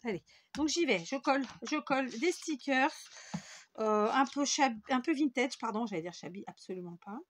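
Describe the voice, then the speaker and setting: A woman's voice: high voice, expressive, normal speed. Chatty French woman doing a craft tutorial. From France. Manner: rambling and self-mocking, talks while working. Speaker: scrapbooking video host.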